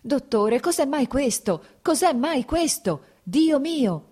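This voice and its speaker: A woman's voice: on the low side, very animated, normal speed, a little mellow. A woman reading aloud and voicing a desperate young husband, urgent and panicked in a raised voice. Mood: anguished. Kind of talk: audiobook character reading.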